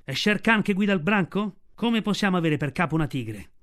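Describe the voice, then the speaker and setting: A man voicing a bold, defiant boy raised by wolves, shouting indignantly in a storybook reading. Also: high-pitched, expressive, a little fast.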